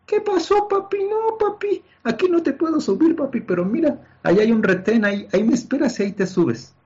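A man with a Mexican accent voicing a friendly male bus driver in a high falsetto, calling the listener "papi" over and over. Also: animated, fairly quick, darkish tone, lo-fi sound. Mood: chummy.

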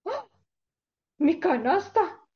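A woman's voice: very high-pitched, sing-song, extremely slow, voice pushed up, heavily acted. A woman voicing a puzzled little boy who sounds bewildered. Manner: wondering and bewildered. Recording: dull lo-fi recording.

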